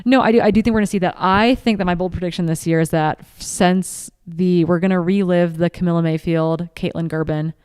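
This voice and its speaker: A woman with a low, resonant voice talks through her points in a quick, eager, casual way. The sound is close and dry, with no room around it. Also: smooth, no echo. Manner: quick, animated and enthusiastic, piling on "like". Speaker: podcast co-host and race commentator. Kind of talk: casual chat.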